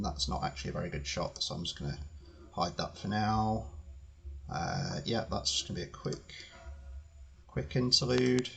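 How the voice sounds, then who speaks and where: A man streaming live as he edits his video, thinking aloud with fillers and restarts, his voice slightly hoarse. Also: lowish voice, a bit bright, slight background noise. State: slightly hoarse, clearing throat. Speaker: channel host editing video. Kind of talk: casual live-stream commentary.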